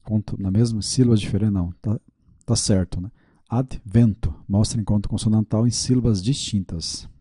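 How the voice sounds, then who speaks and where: Low, dark-voiced Brazilian teacher thinking aloud. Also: male voice, fairly even intonation, normal speed, breathy edge, no room sound, studio quality. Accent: Brazilian Portuguese. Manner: thinks aloud, checks answers, admits mistakes with "né?". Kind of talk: video lesson, working through quiz questions aloud.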